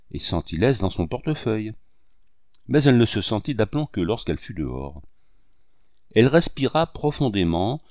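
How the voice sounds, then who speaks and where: A man narrating a literary novel as an audiobook, with expressive, dramatic phrasing. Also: medium pitch, dry recording.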